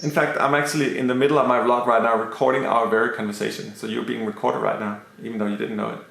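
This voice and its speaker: A man's voice: medium pitch, flat delivery, quick pace, creaky, fairly bright tone. A man hosting a vlog, chatting casually in a hyper, wound-up way. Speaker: vlog host. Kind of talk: casual chat. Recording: echoey room.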